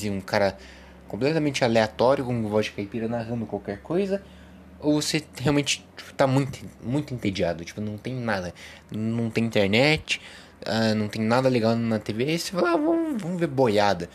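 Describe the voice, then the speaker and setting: A man's voice: on the low side, a little hiss or hum. A young Brazilian man hosting a casual talk show, rambling between topics and jumping into mock narrator voices. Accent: Brazilian Portuguese. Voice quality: animated, jumps into loud mock narrating voices. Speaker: host of a casual talk program. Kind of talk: rambling casual chat with impressions.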